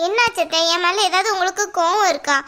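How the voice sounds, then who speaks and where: A woman plays a meek young daughter-in-law in a cartoon. Her voice is very high and bright. She pleads softly and tearfully with her stern mother-in-law. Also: quick pace. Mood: pleading. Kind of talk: cartoon voice acting.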